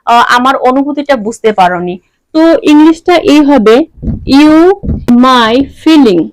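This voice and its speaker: A woman's voice: sits high, no room sound, poor audio. A woman giving an online English grammar lesson, explaining step by step and asking and answering her own questions.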